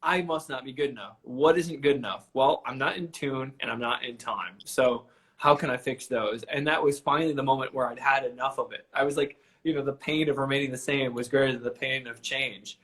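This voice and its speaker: Bright-voiced host, earnest and eager. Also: male voice, mid-range voice, steady tone, fairly quick. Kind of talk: casual chat. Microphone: live video chat.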